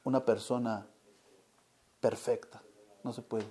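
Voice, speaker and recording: A man's voice: mid-range voice, level tone, slow, dark tone. A man preaching informally to a small group, constantly checking in with "right?" and "you see?". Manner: conversational, keeps asking "¿verdad?" and "¿ven?". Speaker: lay preacher.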